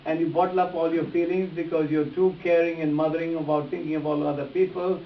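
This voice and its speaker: A face reading instructor leads a live demonstration, speaking emphatically, repeating phrases and addressing volunteers directly. His voice is on the high side, flat in delivery and quick. The recording is muffled and hissy, captured in an echoey room from a distance.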